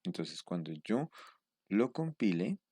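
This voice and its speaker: Deep-voiced patient male instructor. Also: sing-song, slow, warm tone, slightly rough, no echo. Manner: patient step-by-step explaining, checking in with a questioning "mm". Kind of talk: screen-recorded tutorial.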